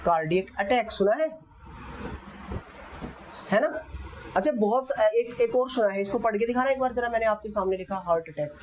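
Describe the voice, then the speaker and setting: A woman teaching a classroom vocabulary lecture who asks her students questions and answers them herself, reading English example sentences slowly. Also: a little high, expressive, a little mellow, a little hiss or hum, rough recording.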